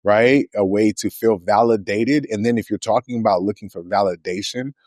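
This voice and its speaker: A man in his forties with a lowish voice, recorded close and dry. He muses through his points in a reflective, hesitant way during a casual podcast chat. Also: darkish tone, no room sound. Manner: musing, hesitant, reflective, with filler pauses and restarts. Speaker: podcast co-host.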